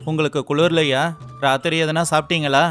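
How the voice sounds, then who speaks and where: A man's voice: a little high, flat delivery, a little fast, fairly bright tone, clear, resonant tone, soft background music, natural voice. A man playing a poor young fisherman who is despairing but kind, speaking earnestly and with feeling in a storybook tale. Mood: kind, concerned. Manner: earnest and emotional.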